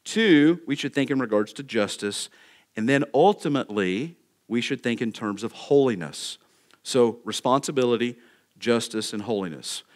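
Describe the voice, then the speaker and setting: A man's voice: mid-range voice, animated, moderate pace. A male pastor preaching a sermon, laying out numbered points with emphasis and checking in with the congregation by asking "okay?".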